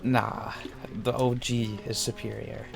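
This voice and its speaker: A man hosting a let's play with casual game commentary, dry and laconic with deadpan quips. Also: mid-range voice, slow pace, gravelly. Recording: game music playing behind.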